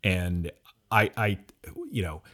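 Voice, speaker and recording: A man's voice: sits low, slow pace, pushed and bright. A man co-hosting a podcast, talking casually and reflectively, rambling a little with restarts. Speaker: podcast co-host. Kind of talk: casual chat.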